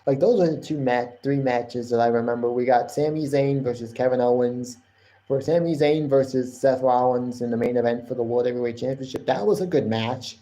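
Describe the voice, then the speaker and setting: A man's voice: mid-range voice, fairly quick, dark tone. A man hosting a wrestling podcast live stream, rambling casually and often repeating and correcting himself.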